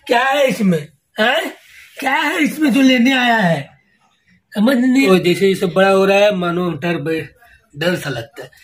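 A man's voice: high-pitched, husky. A man chatting casually to his viewers in a home vlog, recorded on a handheld phone at home. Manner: chatty, keeps addressing viewers as friends. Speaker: family vlogger.

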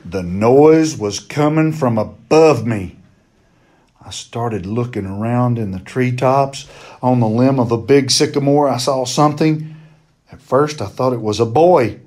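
A man reading a children's novel chapter aloud in a steady, plain storytelling manner. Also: a little high.

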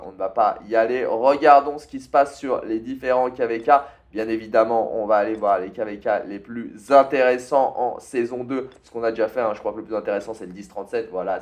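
A man giving casual commentary on a strategy game, talking it through with fillers and small asides. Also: medium pitch. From France. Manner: chatty, thinks aloud with fillers and tag "hein". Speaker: gaming YouTuber.

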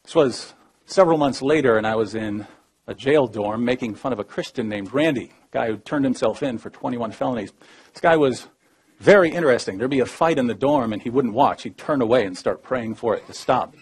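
Husky-voiced man telling a quiet testimony. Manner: measured, low-key storytelling, often dropping quiet. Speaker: debater. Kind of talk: personal testimony in a debate opening.

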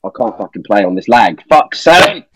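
A man's voice: fairly low pitch, big pitch swings, moderate pace, a bit bright, a little hiss or hum, low-quality recording. A young man in gameplay chatter on a headset mic, swearing constantly and sounding exasperated. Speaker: gamer.

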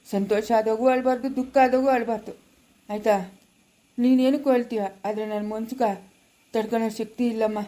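A woman playing a loving, worried elderly father who soothes his daughter gently and repeats himself in a family skit. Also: fairly high pitch, steady tone, brisk, lightly acted. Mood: tender. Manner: gentle, soothing, repetitive pleading.

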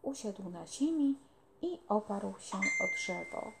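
A woman reading a children's novel aloud in a calm, unhurried way. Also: medium pitch, vocal fry, a little hiss or hum. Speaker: storyteller.

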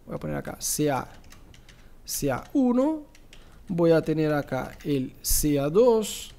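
A Rioplatense-accented man sits at his screen and walks viewers through a live online class, his voice riding fairly high. He teases his listeners and throws in rhetorical asides as he explains each step. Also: slow pace, gravelly. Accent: Rioplatense Spanish. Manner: animated, teasing, rhetorical asides. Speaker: pastor teaching church advertising.

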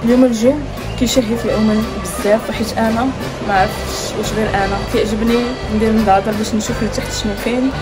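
Young woman, Moroccan accent, fast chatty vlog talk, slightly high voice, loud music behind. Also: steady tone, low-quality recording. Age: young adult. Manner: quick, chatty and upbeat. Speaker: vlogger. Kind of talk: casual vlog chat. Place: car and small room indoors. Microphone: handheld phone camera.

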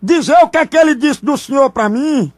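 A very high, squeaky male caller, as a man puts him on, who stammers and hedges, drawing out his gossip in a teasing prank phone call. The voice sounds dry and close. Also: a little fast, no echo. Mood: hesitant.

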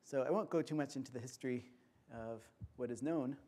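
Male conference lecturer, mellow tone, measured step-by-step delivery, auditorium. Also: medium pitch.

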